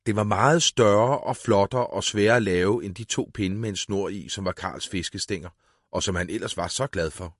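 A man narrating a children's book as an audiobook, in a calm storytelling manner. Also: on the low side, husky, dry recording, clean studio sound.

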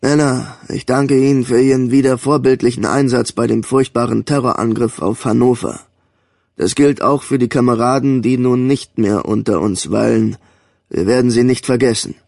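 Brief: male reader doing a hard-faced older commander, dark voice, dry sound, barking then grave and slow. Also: medium pitch, fairly even intonation, creaky, dry recording, natural voice. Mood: solemn, measured. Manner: barks commands, then slow solemn speech.

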